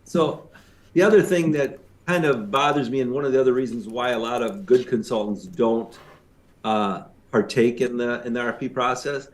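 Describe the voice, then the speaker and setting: A man's voice: mid-range voice, normal speed. Man with a mid-range voice, easygoing podcast chat. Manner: conversational, many fillers, affirming "yeah". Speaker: podcast co-host, consultant.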